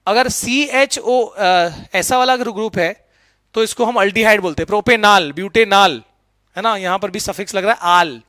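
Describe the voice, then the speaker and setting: A middle-aged man teaching chemistry in a lively lecture, often checking in with "right?" and mixing English terms into his talk. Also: high-pitched, normal speed, dry recording, studio quality. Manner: lively, keeps asking students "right?"; mixes English terms into Hindi. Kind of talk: explanatory classroom lecture.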